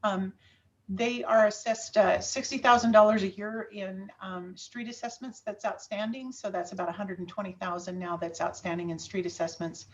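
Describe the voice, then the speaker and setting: Brief: woman finance official, soft and hesitant, heard from a distance on dull audio. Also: mid-range voice, fairly even intonation, normal speed. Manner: hesitant, quiet, many ums and restarts. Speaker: finance director. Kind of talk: formal public meeting remarks. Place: city council meeting.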